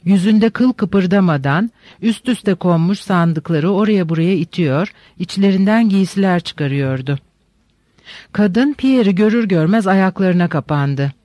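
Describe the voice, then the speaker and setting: A man narrates a novel in a measured, descriptive reading. His voice sits fairly high and the sound is dry and close, with no room echo. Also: expressive, a little mellow. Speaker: audiobook narrator. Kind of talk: scripted literary narration.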